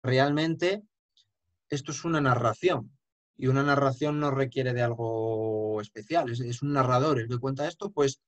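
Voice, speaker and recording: A man's voice: mid-range voice, moderate pace, highs cut off. A man giving an emphatic, explanatory lesson on chant and singing short examples. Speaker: chant teacher. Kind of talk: lecture with sung examples.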